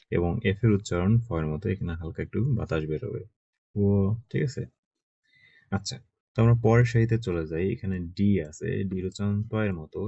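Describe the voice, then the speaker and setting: Male online language teacher: low, dark and gravelly, patient, drills sounds and checks in. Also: no echo, lo-fi sound. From Bangladesh. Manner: patient, checks in often with short questions. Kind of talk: online class teaching pronunciation.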